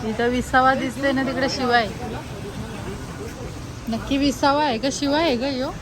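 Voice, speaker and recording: A woman's voice: high-pitched, steady tone, moderate pace, over a noisy crowd. A woman with a Marathi accent hosting a casual family vlog, talking straight to her viewers in a chatty way. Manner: chatty, addresses viewers directly. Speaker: vlogger.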